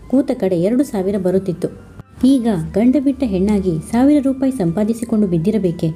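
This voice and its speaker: A woman storyteller reading a family story aloud in a steady, scripted narration. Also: mid-range voice.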